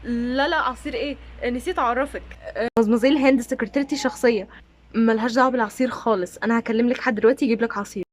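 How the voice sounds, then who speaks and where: A woman voicing a busy young engineer man doll, dropping her voice lower, with an Egyptian Arabic accent and an evasive, flustered manner. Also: steady tone, rapid-fire, lightly acted.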